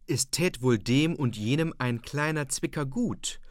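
A man voicing an earnest, persistent young farmhand in an audiobook reading, speaking deliberately. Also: mid-range voice, animated, no echo, studio quality, pitched above the performer's own voice, close to an everyday voice.

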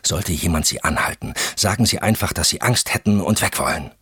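A man playing a hunted man in an audiobook thriller, urgent and clipped, giving quick orders. His voice sits extremely deep and sounds husky, recorded dry and close. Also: sharp tone, dry recording, exaggerated voice. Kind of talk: audiobook character voice.

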